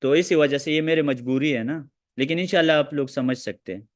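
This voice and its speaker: A man teaching a hadith lesson who talks quickly and quotes Arabic texts while answering questions. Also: fairly high pitch. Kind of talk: online lecture with questions.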